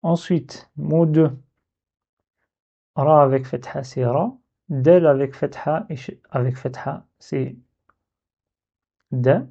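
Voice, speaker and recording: A man teaching Arabic letter reading in a slow step-by-step lesson, patiently spelling out syllables and repeating them. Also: on the high side, gravelly, dark tone, slightly rough, highs cut off.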